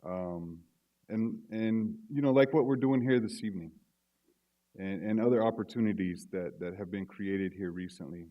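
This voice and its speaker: A man on a panel stage making measured, reflective remarks. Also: low-pitched, lo-fi sound. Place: stage at a library event.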